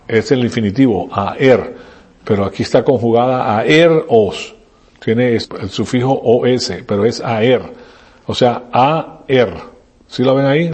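A man's voice: mid-range voice, darkish tone, breathy edge. A man teaching a Bible study to a small group, explaining Greek words and asking them questions as he goes. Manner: explanatory, quizzes listeners.

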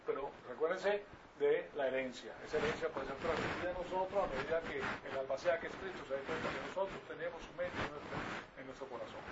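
A man teaching a Bible class in sermon style, questioning his listeners and rising to loud emphatic peaks. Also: a little high. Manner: engages the audience with questions. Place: room with a live audience. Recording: distant lo-fi recording with noise.

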